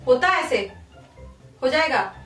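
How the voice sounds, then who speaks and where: A woman's voice: sits high, animated, a little slow, fairly bright tone. A woman scolding her husband in a heated argument, repeating the same short question, recorded in a bedroom at home. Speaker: prank video creator. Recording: echoey room, far from mic, music behind.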